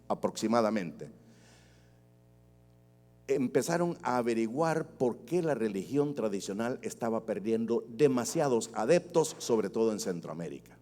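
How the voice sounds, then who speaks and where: A middle-aged man preaching as a pastor, animated, asking rhetorical questions and swinging sharply between loud and soft. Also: fairly low pitch. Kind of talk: sermon. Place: church. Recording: long reverb of a church hall.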